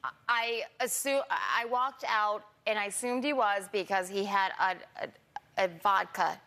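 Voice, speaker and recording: A middle-aged woman with slurred speech, answering defensively and haltingly in an interview, often repeating and restarting her phrases. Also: medium pitch, bright, forceful tone. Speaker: talk show guest. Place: television studio in front of an audience.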